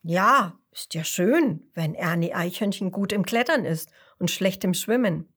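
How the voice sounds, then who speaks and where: A woman's voice: lowish voice, animated, a little slow, fairly bright tone, slightly rough, full character voice. A woman voicing a young female hippo who believes she is a horse, speaking plaintively and often half-whispered, in a storybook read-aloud. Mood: puzzled.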